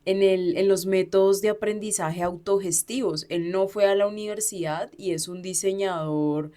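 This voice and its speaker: A woman in a casual podcast chat, speaking at a mid pitch. She tells her story in an easy, flowing way with small restarts, like a teacher talking about a former student. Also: steady tone, normal speed, warm tone. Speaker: Spanish teacher, podcast co-host.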